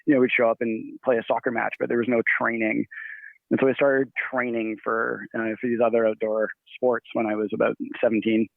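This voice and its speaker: A man who grew up in Nigeria answers interview questions in a loose, rambling way, full of fillers and restarts. His voice is gravelly and sits at a middle pitch. It comes through a tinny, phone-like line. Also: little pitch movement, fairly quick, no echo. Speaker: guest.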